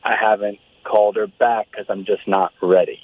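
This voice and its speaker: A young man heard over a telephone line, talking in a hesitant, nervous, halting way. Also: fairly low pitch, steady tone. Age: young adult. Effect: heard over a phone line. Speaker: guest called on the radio show. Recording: tinny phone line.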